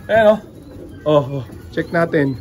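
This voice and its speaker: A man vlogging casually as he walks through a pigeon loft, excited and joking, with frequent exclamations. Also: fairly high pitch, a little slow, slight background noise. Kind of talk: casual walkthrough vlog. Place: outdoor pigeon loft with birds around.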